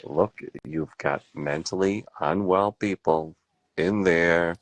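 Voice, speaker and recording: A man's voice: low-pitched, slow, dry recording, low-quality recording. A man co-hosting a casual chat, with wry, sarcastic asides.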